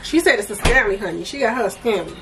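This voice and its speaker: Chatty mom vlogging at home. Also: female voice, fairly high pitch, animated, fast talker, noisy background. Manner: chatty, laughing, addresses viewers as y'all. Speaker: vlogger, mother. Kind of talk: casual vlog chat. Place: small bedroom indoors. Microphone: handheld compact camera.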